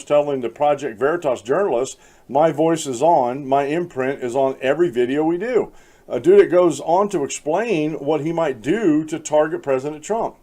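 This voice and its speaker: A man's voice: on the high side, warm tone. A man hosting a casual political commentary show, rambling with restarts and fillers and speaking straight to his listeners. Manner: rambling, frequent restarts and fillers, addresses folks; chuckles while reading aloud.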